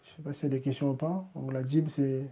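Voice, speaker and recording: A man's voice: medium pitch, fairly even intonation, fast, husky, highs cut off. A man preaching live on a stream and answering chat questions in a direct, exhorting, repetitive way. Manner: exhorting, repetitive, keeps saying "voilà".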